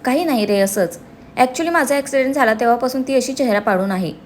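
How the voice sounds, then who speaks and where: A woman's voice: a little high, brisk, slight background noise, close to an everyday voice. A woman voicing a playful young man who teases the woman he cares for. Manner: playful, teasing. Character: teasing young man, playful, injured in hospital.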